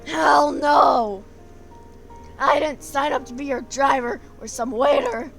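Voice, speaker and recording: A woman's voice: high-pitched, steady tone, moderate pace, a bit bright, low-quality recording. A woman reading as a grumpy skeleton guy. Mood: annoyed. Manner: curt, irritated refusals. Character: grumpy male skeleton cafe worker. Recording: game music playing behind.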